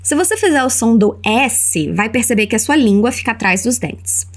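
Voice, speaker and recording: A woman with a Brazilian accent teaching English in an audio lesson, saying model phrases slowly for the listener to repeat. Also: on the high side, animated. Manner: slow, carefully spelled-out model phrases for repetition.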